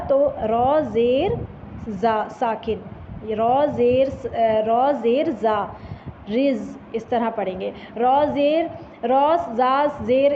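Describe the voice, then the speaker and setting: A woman's voice: on the high side, lo-fi sound, a little hiss or hum. A woman teaching Quran recitation, spelling out Arabic letters and vowel marks syllable by syllable and drawing the sounds out for her students. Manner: slow, drawn-out syllable-by-syllable drilling.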